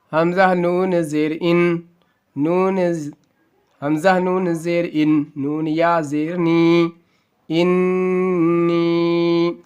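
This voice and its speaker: A man's voice: on the high side, smooth, lo-fi sound. A male Quran teacher giving a letter-by-letter spelling lesson, patiently explaining the reading rules and stretching out each joined word. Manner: spells syllables slowly, then draws out the joined word.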